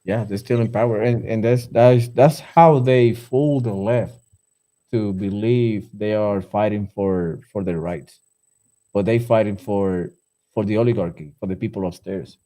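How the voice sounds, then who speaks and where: A man's voice: fairly low pitch, unhurried, dark tone. A man co-hosting a casual political podcast, speaking emphatically and often repeating his words. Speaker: podcast co-host.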